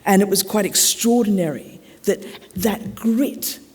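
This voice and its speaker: A woman's voice: mid-range voice, a little mellow, slightly rough. Australian woman telling her story in a hall. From South Australia. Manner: reflective, measured, with dramatic pauses. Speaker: keynote speaker. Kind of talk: personal storytelling talk. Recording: echoey hall.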